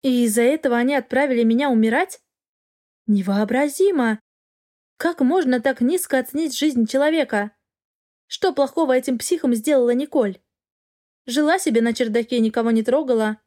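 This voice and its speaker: A woman narrating a first-person fantasy novel with an expressive, wry inner voice. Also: high voice, moderate pace. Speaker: audiobook narrator.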